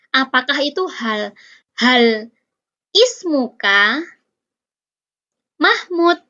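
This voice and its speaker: Slow, bright-voiced woman teaching. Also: on the high side, highs cut off. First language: Indonesian. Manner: explains slowly, stretches example words, rising quiz-like questions. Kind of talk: casual teaching lesson.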